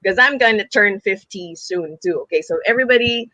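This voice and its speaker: A man in his late forties hosts an interview talk show, chatty and upbeat and laughing often. His voice is high, brisk and sharp. The recording has no echo but is low in quality.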